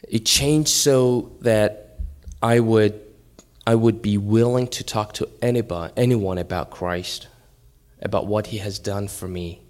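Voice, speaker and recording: A middle-aged man from Iran sharing his faith testimony at a church men's breakfast, earnest and acting out scenes in loud bursts. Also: fairly low pitch, a little slow. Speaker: guest speaker at a men's breakfast. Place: church gathering.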